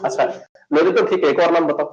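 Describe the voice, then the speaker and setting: A man with an Indian accent teaching an exam coaching class, slowly dictating and spelling out words letter by letter. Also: on the high side, steady tone, lo-fi sound.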